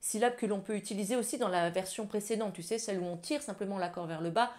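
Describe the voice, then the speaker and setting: A woman's voice: mid-range voice, quick pace. A woman giving a casual ukulele lesson, chatting directly to the viewer and walking through strumming patterns. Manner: chatty, addresses viewer as tu, sings lyrics while strumming. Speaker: ukulele teacher. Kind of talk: ukulele tutorial for children's songs. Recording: ukulele loud under voice. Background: ukulele playing.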